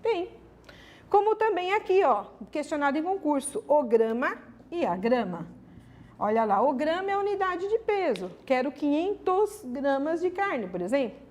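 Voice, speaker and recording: A woman with a high voice and a Brazilian accent runs an exam-prep grammar lesson. She talks in a lively, emphatic way and asks herself her students' questions before answering them. She often checks in with quick tags like "ok?". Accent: Brazilian Portuguese. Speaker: teacher.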